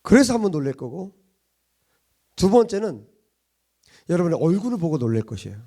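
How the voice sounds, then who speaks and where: A man's voice: high-pitched, sing-song, fairly quick, dark tone. A middle-aged man pastor giving a sermon in a conversational style, chuckling often and asking many rhetorical questions.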